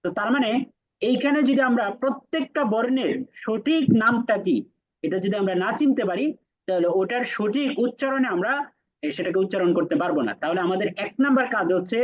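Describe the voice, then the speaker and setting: High-voiced man teaching in a dull recording. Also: expressive. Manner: explains patiently, repeats letter names slowly for comparison; asks students rhetorical questions. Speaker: Quran teacher. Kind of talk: classroom lesson.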